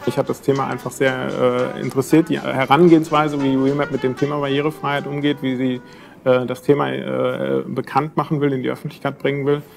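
A man's voice: mid-range voice, flat delivery, a little fast, vocal fry, faint music behind. A man who works as an architect, speaking hesitantly with many fillers. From Germany. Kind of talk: interview statement.

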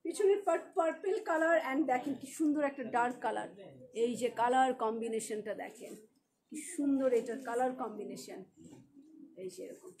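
A woman's voice: high voice, moderate pace, a little mellow. A woman with a Bangladeshi Bengali accent, a shop owner selling clothes on a live stream, chatty and joking as she greets viewers by name.

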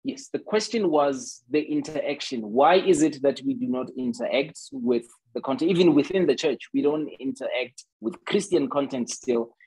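Husky man moderating a panel. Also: on the high side, expressive, moderate pace, few pauses, a little mellow, poor audio. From South Africa. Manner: formal, addresses guests by title. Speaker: facilitator.

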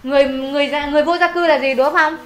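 A woman's voice: high voice, fairly even intonation, rapid-fire, a little hiss or hum. A Vietnamese woman teaching an English lesson in a classroom, reading lines aloud, translating them and drilling vocabulary with repetition.

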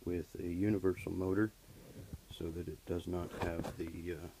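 A man explaining a furnace repair while he works, his voice low and unhurried with little rise and fall. He talks in a practical, matter-of-fact way, full of little fillers. The handheld camera audio carries a clear layer of noise behind him. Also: level tone. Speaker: HVAC technician. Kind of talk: hands-on repair tutorial. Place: basement furnace area and workshop floor. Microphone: camera held by the speaker while working.

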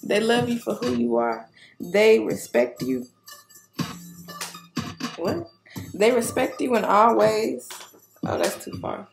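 Slow, gravelly woman doing a rambling tarot reading. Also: fairly high pitch, expressive. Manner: rambling, laughing, profane, talks straight to the viewer. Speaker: tarot reader. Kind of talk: casual tarot reading to camera. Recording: roomy echo with clear music behind.

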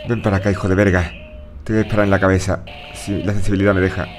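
A man's voice: sits low, level tone, very fast, over music. A man with a Spain Spanish accent giving live commentary while playing a horror game, talking to himself, jumpy and swearing often. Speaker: gaming streamer.

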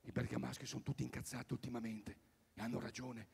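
A man doing a rambling stand-up comedy routine at a live concert, swinging between loud bursts and mutters. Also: medium pitch, flat delivery, fast talker, creaky, slightly rough, big-room sound. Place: outdoor tennis courts at a live event.

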